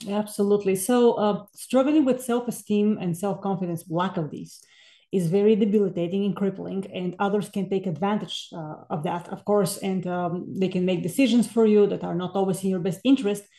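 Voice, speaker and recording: A woman's voice: mid-range voice, steady tone, brisk, dark tone, echoey room. A woman in her forties, originally from Bulgaria, telling her story as a podcast guest in an earnest, reflective way. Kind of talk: podcast interview.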